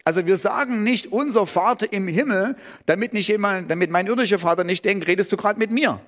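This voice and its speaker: A man's voice: sits high, fast, fairly bright tone. A man preaching a sermon in German, thinking aloud with restarts and rising sharply on key words. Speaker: pastor.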